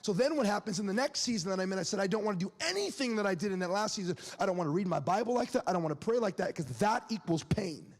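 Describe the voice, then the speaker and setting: A high-voiced man in his late twenties preaches a loose, candid sermon, laughing and throwing questions to the crowd. His lively intonation comes rapid-fire with hardly any pauses, and a long reverb trails his words through a large hall.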